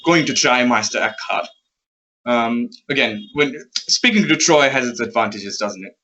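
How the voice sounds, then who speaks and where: A man's voice: medium pitch, lively intonation, moderate pace, bright, forceful tone, low-quality recording. A man as an interview guest, articulate and thoughtful, often breaking into laughter. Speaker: interview guest, magazine editor. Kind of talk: casual interview conversation.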